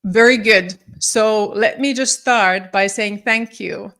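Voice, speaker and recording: A woman in her forties from Finland, a psychologist and leadership coach, talks slowly on a live stream in a mid-range, fairly bright voice. Friendly yet slightly formal, she fills the talk with ums and restarts.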